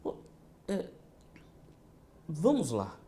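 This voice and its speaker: A man's voice: a little high, huge pitch swings, drawn-out words, mellow. A man in his fifties hosting an interview, asking questions in a conversational way and often starting with a hesitant "é". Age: 50s. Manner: conversational, leading with filler "é". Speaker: TV interview host.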